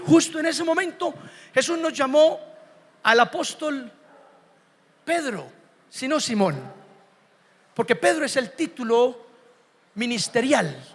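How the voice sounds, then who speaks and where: A pastor preaching emphatically, repeating key words and asking the congregation questions. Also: male voice, very high-pitched, a bit bright, long reverb tail. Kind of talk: sermon.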